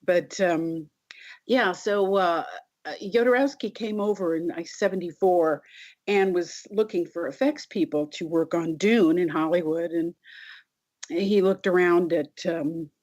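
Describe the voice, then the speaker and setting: A woman being interviewed, telling anecdotes casually in a halting way. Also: lowish voice, a little mellow. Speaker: interview guest. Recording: dull, lo-fi sound.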